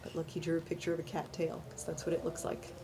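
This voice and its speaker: With a deep voice, this storytime reader and children's librarian brings a picture book to life for young children, stopping to ask questions and offer simple explanations. A little hiss or hum runs under the audio.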